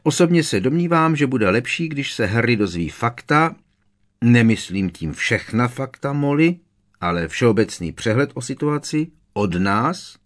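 A man reading aloud, voicing a mild, reasonable man who calms a heated argument. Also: mid-range voice, pitched above the performer's own voice, natural voice. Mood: reasoning. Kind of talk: audiobook character voice.

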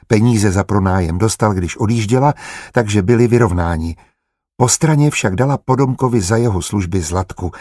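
A man narrating an audiobook in a steady, even storytelling manner. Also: on the low side, dry recording, studio quality.

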